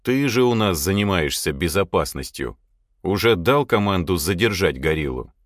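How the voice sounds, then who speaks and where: Man voicing a cool shrewd leader, quiet, deliberate, low voice, dry recording. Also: expressive, no room sound.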